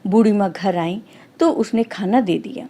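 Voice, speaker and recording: A woman calmly narrating a devotional folk story as a storyteller. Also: medium pitch, normal speed.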